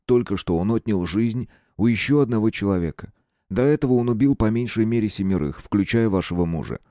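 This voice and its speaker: A man's voice: lowish voice, fairly quick, mellow, dry recording, lightly acted. A man voicing a composed detective who speaks in a dry, stern, restrained way. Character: stern composed male detective, young nobleman.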